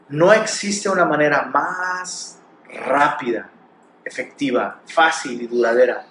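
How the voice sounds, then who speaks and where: A man's voice: on the high side, a bit bright, echoey room, a little hiss or hum. A man with a Mexican Spanish accent preaching a sermon, pressing his points with rhetorical questions and acted quotes. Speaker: pastor.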